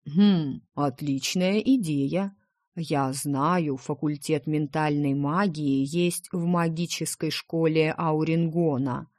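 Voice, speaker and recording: A woman reading the part of a gruff, protective male dragon in an audiobook, talking bluntly and teasingly. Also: low-pitched, steady tone, slow pace, darkish tone, no room sound, studio quality.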